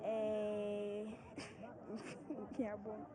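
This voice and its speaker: A woman with a Zulu accent from South Africa, answering an interview quietly and haltingly as a festival participant. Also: medium pitch, completely flat delivery. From eMfolozi area, KwaZulu-Natal, South Africa.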